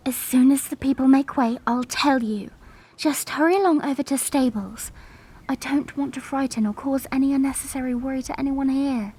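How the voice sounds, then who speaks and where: A woman's voice: high-pitched, moderate pace, warm tone, natural voice. A woman playing a young princess in an audio drama, speaking formally and earnestly as a solemn, resolute leader. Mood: firm, worried. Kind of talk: fan audio drama acting, formal oratory.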